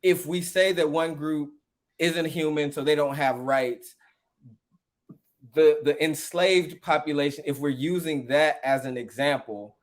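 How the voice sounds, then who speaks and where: Man, podcast co-host, questioning, halting restarts, fairly high voice. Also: steady tone. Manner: questioning, restarts his sentences. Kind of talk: casual debate.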